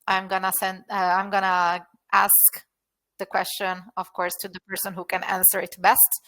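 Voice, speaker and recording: A woman's voice: mid-range voice, little pitch movement, normal speed, pushed and bright. A woman from university recruitment, presenting a webinar in an upbeat, chatty way with many fillers.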